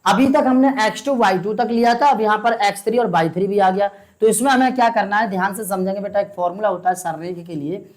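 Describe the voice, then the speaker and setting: A woman walks her students through a maths problem one step at a time. Her voice sits at a middle pitch. She talks patiently, stops often to quiz the class and calls them "beta" again and again. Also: fast talker, hardly any pauses, darkish tone. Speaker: maths teacher.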